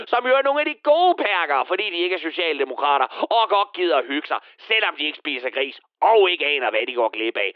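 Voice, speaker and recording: A man's voice: high voice, clear, resonant tone, dry recording, dull audio. A man playing a bitter, misanthropic middle-aged man, delivering a crude, sneering satirical radio monologue. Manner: venomous, crude, sneering rant. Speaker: comedy character.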